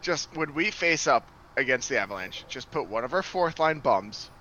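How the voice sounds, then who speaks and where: A man's voice: mid-range voice, animated, moderate pace, bright, forceful tone, muffled recording, slight background noise. A young man co-hosting a podcast, brash and swearing in casual chat. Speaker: podcast co-host.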